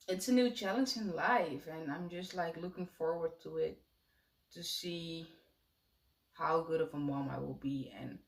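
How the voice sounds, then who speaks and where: A young woman in her late teens, a native Dutch speaker, talking softly and haltingly in a personal confessional vlog. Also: deep voice, roomy sound. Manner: soft-spoken and halting. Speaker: vlogger. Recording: voice distant from the mic.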